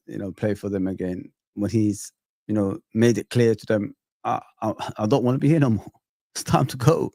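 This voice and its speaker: A man from Saudi Arabia co-hosting a casual football chat stream, talking in an animated, emphatic way and repeating himself. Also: on the low side, creaky, no echo, studio quality. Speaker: co-host.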